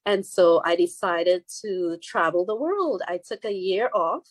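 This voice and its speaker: A woman in her thirties from Trinidad and Tobago, the founder of a skincare line, talking casually and warmly to a live audience with frequent restarts. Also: on the low side, expressive, unhurried, no room sound. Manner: friendly, chatty, with frequent restarts. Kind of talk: casual live-stream talk. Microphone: laptop.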